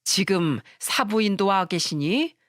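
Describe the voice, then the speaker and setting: A woman doing an unhurried older mother-in-law. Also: mid-range voice, lively intonation, no echo, clean studio sound. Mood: easygoing. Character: older mother-in-law, easygoing then firm.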